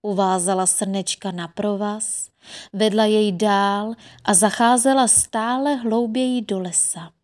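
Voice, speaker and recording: A woman reads a fairy tale aloud for an audiobook. Her delivery is gentle and expressive, with a mid-range voice. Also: mid-range voice. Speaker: narrator.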